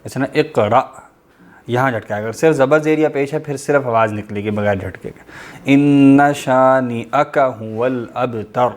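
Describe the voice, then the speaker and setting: Casting: male Quran tutor, patient and corrective, mid-pitched. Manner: patient, corrective, explains then models slowly. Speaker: Quran recitation teacher. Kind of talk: correcting pronunciation in an online class.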